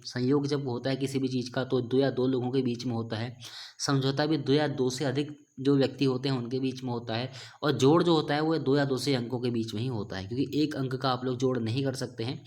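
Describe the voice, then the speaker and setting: A man teaching a grammar lesson, often posing questions and answering them himself. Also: mid-range voice. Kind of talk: explaining lesson to students.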